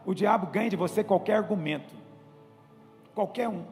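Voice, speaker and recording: A man with a Brazilian Portuguese accent preaching a sermon as pastor, lively and acting out the worried believers he describes. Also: sits high, normal speed, in a large hall, soft background music.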